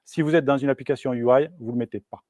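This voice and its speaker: Male engineer presenting at a meetup, halting delivery, dry sound. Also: medium pitch, steady tone, a little mellow, dry recording. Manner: casual, hesitant, many fillers and restarts. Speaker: software engineer giving a meetup talk. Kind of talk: live technical presentation. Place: meetup room.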